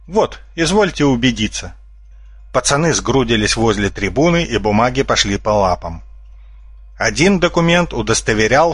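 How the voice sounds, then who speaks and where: A man narrating a humorous children's audiobook in a steady storytelling manner. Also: mid-range voice, no echo.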